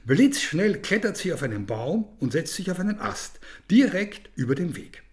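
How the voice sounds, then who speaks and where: A man narrating a children's story in an expressive, storytelling manner. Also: sits high, moderate pace.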